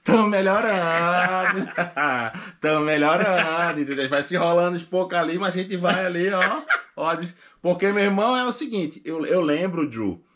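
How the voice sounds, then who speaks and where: Lively man with a Pernambuco accent. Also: sits high, fairly quick, few pauses, slight background noise. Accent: Pernambuco Portuguese. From Recife, northeast Brazil. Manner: animated, acts out past conversations in quoted voices. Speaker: podcast guest. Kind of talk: casual storytelling chat.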